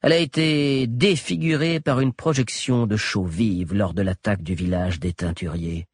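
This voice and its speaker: A man's voice: fairly low pitch, steady tone, normal speed, breathy edge, dry recording, studio quality. A man playing a smiling, honeyed doctor who talks down to his patient like a child. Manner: sugary, reassuring, condescending. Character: smiling honeyed male doctor, creepily soothing.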